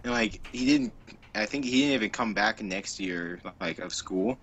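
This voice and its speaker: Male co-host, low voice, casual rambling storyteller, lots of fillers. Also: normal speed, fairly bright tone, husky. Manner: rambling, filler-heavy, with frequent laughs. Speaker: podcast co-host.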